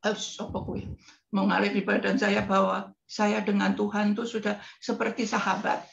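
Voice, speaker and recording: A woman in her eighties telling lively stories with laughter as a guest on a talk show. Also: medium pitch, normal speed, gravelly, muffled recording, a little hiss or hum. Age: 80s. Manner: lively, laughing, mimics singing scales. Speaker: guest entertainer. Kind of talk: casual talk show storytelling.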